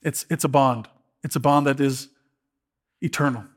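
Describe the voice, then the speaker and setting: A man's voice: mid-range voice, steady tone, moderate pace. A middle-aged man preaching a sermon as pastor, earnest and emotional, often restarting his words.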